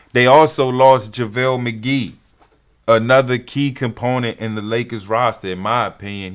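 A young man giving casual, animated sports commentary as a vlogger, with a profane, trash-talking fan's manner. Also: mid-range voice.

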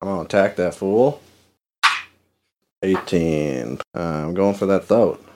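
A man's voice: low voice, takes it slowly, background noise. A man chatting casually as a player in a tabletop game, with crude, joking banter. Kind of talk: casual chat.

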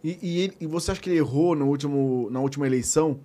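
A man hosts a casual podcast, his voice sitting a little high. He keeps the talk going with quick questions and jokes. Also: warm tone. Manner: prompting, joking, asks short questions. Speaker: podcast host. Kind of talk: casual conversational interviewing.

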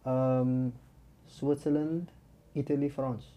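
A man's voice: mid-range voice, level tone, slow pace, muffled recording. A man with a South African accent chatting casually as an interview guest, often rounding off statements with a "yeah". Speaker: podcast guest, amateur runner.

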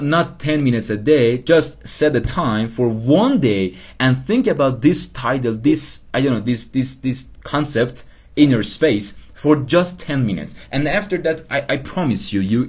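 A man hosts a self-help podcast as a casual monologue, speaking slowly but with liveliness. His mid-range voice is husky, and he rambles, repeats himself, and laughs at himself.

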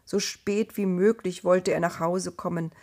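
A woman reading a storybook tale aloud in a calm, measured, gently expressive way. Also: lowish voice. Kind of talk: scripted storybook narration.

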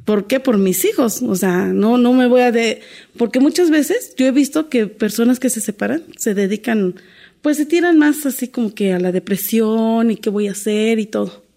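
A woman's voice: a little high, moderate pace, dark tone. A middle-aged woman, a domestic worker telling her life story in an interview, earnest and full of restarts. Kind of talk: candid interview conversation.

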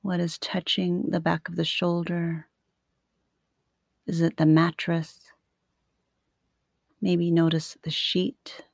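A woman guiding a sleep meditation like a sleep story narrator, soothing and unhurried, with long pauses between short phrases. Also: on the low side, little pitch movement, gravelly, darkish tone, no echo. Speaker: yoga nidra meditation teacher.

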